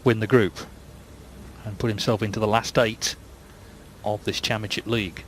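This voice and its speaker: A man giving hushed, conversational snooker commentary, measured and analytical. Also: fairly low pitch, fairly even intonation, a little hiss or hum.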